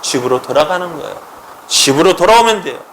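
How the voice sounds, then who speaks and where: A man's voice: fairly high pitch, animated, fast talker, a bit bright, slight background noise, rough recording. A man preaching a Sunday sermon as pastor, asking the congregation rhetorical questions and swelling to emphatic peaks. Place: church sanctuary.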